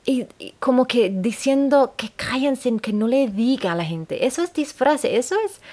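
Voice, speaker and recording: A woman hosts a solo podcast in Spanish, not her first language, speaking earnestly and often restarting while searching for words. Her voice is mid-range with a darkish tone.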